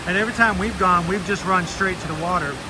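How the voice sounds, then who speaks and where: A man chatting casually as a livestream host, self-deprecating, with soft R's that sound like W's. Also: high voice, fast, noisy background. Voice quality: can't pronounce R's, says w for r. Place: outdoors at a theme park. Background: music.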